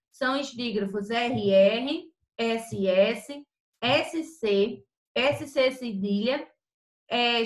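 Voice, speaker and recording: A woman teacher giving a grammar lesson, spelling out sounds slowly and then explaining quickly. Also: a little high, fairly bright tone, echoey room, low-quality recording.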